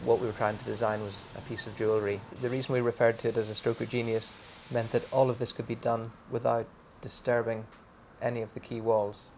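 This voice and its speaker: A man's voice: medium pitch, flat delivery, brisk, few pauses, a little mellow. A man, a designer, explaining his ideas in an interview. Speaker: bridge designer. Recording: faint background noise.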